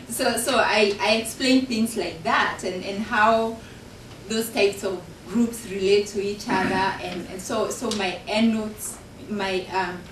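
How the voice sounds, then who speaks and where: This is a woman from Kenya, a professor and author, earnestly presenting her book to listeners in a university function room. Her pitch is medium and her accent Kenyan. The recording comes from afar in an echoey room, with slight background noise.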